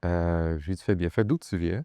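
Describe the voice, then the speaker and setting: Quebec guy hosting a podcast, low mellow voice, laid back questions. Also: steady tone, measured pace, clean tone, dry recording, studio quality. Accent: Québécois. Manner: easygoing, loosely phrased questions. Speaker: podcast host. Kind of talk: interview questions.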